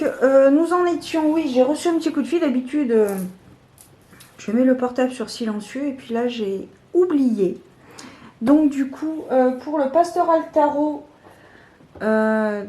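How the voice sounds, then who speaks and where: A woman casually showing her favourite tarot cards, talking hesitantly with many fillers. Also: high-pitched. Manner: slow, soft-spoken. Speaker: tarot vlogger.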